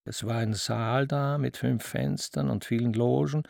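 A man reading literary prose as narrator in a measured, expressive way. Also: mid-range voice, vocal fry, no echo, studio quality.

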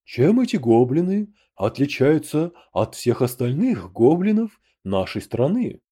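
A calm, stately emperor speaks of himself as "we", as a man reads him in an audiobook. The voice is mellow and low, and his pitch moves freely through each line. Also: measured pace, husky. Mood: dignified. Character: grand portly human emperor, calm and principled.

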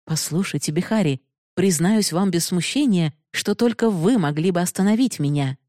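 A woman's voice: on the low side, moderate pace, mellow, no echo, clean studio sound, lightly acted. A woman voicing a proud, passionate young woman who pleads bitterly for love, raised and emotional. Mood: pleading, bitter.

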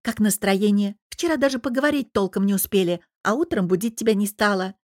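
A woman voicing a lively young female friend who talks briskly and bluntly, full of questions. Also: mid-range voice, no room sound, clean studio sound, natural voice. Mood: curious.

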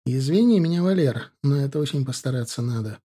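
A man voicing a calm, level-headed young bride who speaks soothingly. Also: mid-range voice, brisk, slightly rough.

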